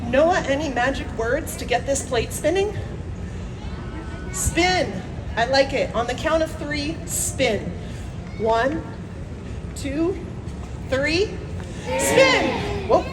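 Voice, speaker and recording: A woman's voice: high-pitched, measured pace, background noise. A woman doing comedic street show patter like a playful kids' party magician, with joking asides, countdowns and prompts to the audience. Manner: joking, self-mocking asides. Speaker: street performer, hula hoop juggler. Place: outdoors at a street festival. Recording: outdoor street, loud music and crowd.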